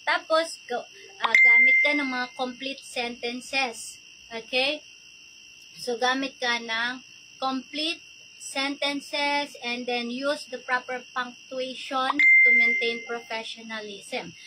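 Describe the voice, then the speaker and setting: A woman's voice: high voice, fairly even intonation, slow, slight background noise, poor audio. A middle-aged Filipino woman with a Filipino accent, chatty and explaining things in a casual tutorial vlog, often checking in with "no?". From Philippines. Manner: chatty, mixing English and Tagalog, frequent "no?" tag questions. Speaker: virtual assistant coach.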